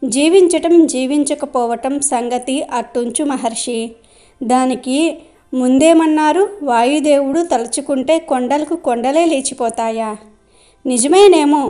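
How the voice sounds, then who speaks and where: A woman's voice: high voice, dark tone. A woman voicing a proud, boastful giant tree in a devotional storybook tale, haughty in manner.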